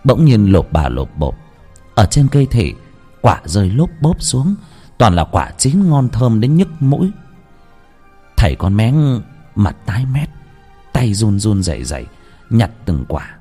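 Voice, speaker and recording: Guy telling a ghost story, voice rises and falls a ton, soft music under. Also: fairly low pitch, slightly rough. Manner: expressive, drawn-out storyteller delivery. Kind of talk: dramatic storytelling narration.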